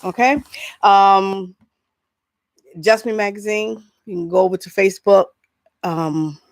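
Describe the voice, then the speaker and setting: A middle-aged woman hosts an entertainment news show as a casual solo vlog, chatting loosely with announcements and often rambling into asides. Her gravelly voice is medium-pitched and steady, her pace measured, and there's no echo.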